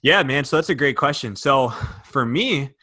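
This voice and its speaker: A man's voice: mid-range voice, expressive, normal speed, bright, forceful tone, no room sound, studio quality. A young man from Michigan, a podcast guest, telling his personal story earnestly and emotionally, with many fillers and restarts. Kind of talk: candid interview storytelling.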